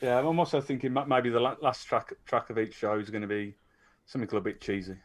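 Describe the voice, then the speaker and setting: A man's voice: mid-range voice, steady tone, fast talker. A man who works as a radio DJ, chatting about his playlists in a hesitant way, full of fillers and restarts. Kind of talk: casual live radio chat.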